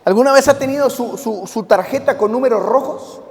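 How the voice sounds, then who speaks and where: A man's voice: very high-pitched, brisk. A male pastor preaching a sermon, firing questions at the congregation and having them repeat lines back. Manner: lively call-and-response preaching with many questions to the congregation. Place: church hall. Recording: long reverb in a church hall.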